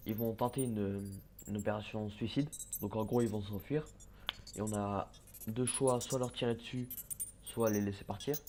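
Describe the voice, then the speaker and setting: Here a young man's voice is fairly low and dark, steady in tone and moderately paced. He's a gaming YouTuber giving relaxed let's-play commentary, hesitant and filler-heavy with many restarts, murmuring to himself as he plays amid faint background noise.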